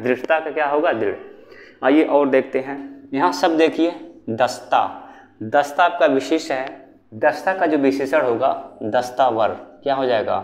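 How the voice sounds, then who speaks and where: Young male tutor, online exam-prep lesson, drills by asking and repeating each answer. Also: mid-range voice. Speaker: Hindi grammar teacher.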